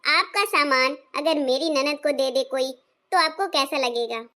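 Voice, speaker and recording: A woman acts a fair-minded young daughter in a homespun family skit. She is earnest and firm, with a high, bright voice. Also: unhurried.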